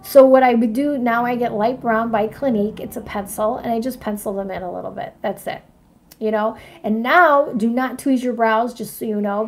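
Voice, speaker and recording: A woman in her forties chatting casually on a livestream as she walks through her makeup routine. She rambles and keeps asking "right?" and "you know what I mean?". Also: a little high. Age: 40s. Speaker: astrology vlogger showing her makeup routine.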